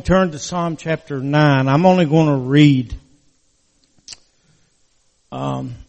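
A long reverb tail trails the voice of an older West Virginian delivering a church sermon. His pitch is a little high, and he speaks in an earnest, folksy, halting way, words slightly slurred because surgery left his mouth crooked.

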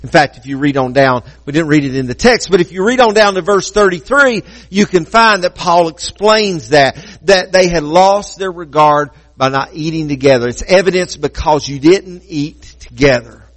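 A man preaching a communion sermon, emphatic, slowing down to repeat key phrases and adding playful asides to the congregation. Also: on the high side, a bit bright, long reverb tail, rough recording. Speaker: pastor.

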